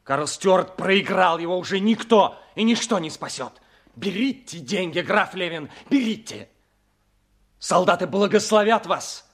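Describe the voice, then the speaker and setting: A man's voice: high voice, animated, a little slow, full character voice. An actor playing a cold, persuasive military envoy who presses his case in a calculating, clipped way. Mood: coolly persuasive. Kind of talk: dramatic screen acting.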